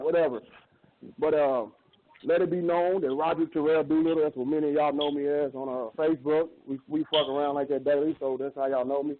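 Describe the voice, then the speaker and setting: A male caller on a speakerphone whose voice echoes like it comes from a tunnel, talking in a rambling, halting way and repeating words. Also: a little high. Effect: echoing tunnel sound on speakerphone. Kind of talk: call-in show chat. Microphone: phone on speaker. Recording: tinny echoey phone line, faint noise.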